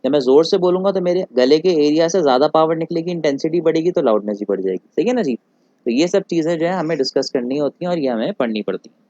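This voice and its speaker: A male physics teacher delivers a recorded lecture, posing rhetorical questions and answering them himself, calling students "beta," and slowing down on English technical terms. His fairly high voice is expressive and mellow. The recording is dry, dull and lo-fi.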